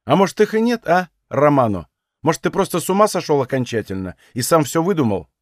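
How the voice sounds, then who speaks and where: Audiobook: male reader playing a domineering older woman mage, crude and scornful, raised pitch, very animated. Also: fast, dry recording, clean studio sound. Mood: mocking. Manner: sneering, coarse, domineering. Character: arrogant foul-mouthed older female mage.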